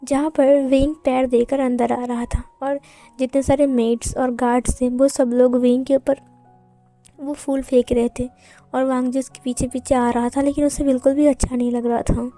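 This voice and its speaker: A woman's voice: sits high, little pitch movement, normal speed, warm tone, soft background music. A woman narrating a fan fiction story in a chatty storytelling manner.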